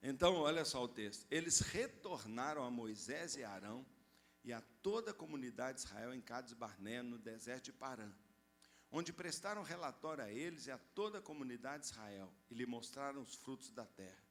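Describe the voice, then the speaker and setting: A man preaching a storytelling sermon, animated and conversational, joking with the congregation. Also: medium pitch, normal speed, slight background noise. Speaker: pastor.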